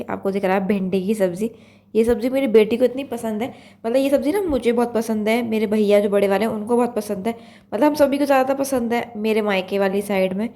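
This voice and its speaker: A young woman with a Uttar Pradesh Hindi accent, hoarse with a blocked nose from a cold, chatting in a rambling way as she narrates her home cooking vlog. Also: a little high, darkish tone. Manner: chatty, rambling, full of fillers. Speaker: vlog host. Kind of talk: casual cooking vlog voice-over.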